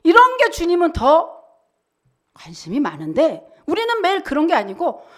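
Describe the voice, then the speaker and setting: A woman's voice: very high voice, huge pitch swings, normal speed, a bit bright. A woman pastor giving a Sunday sermon, talking to the congregation in a conversational way and asking many rhetorical questions.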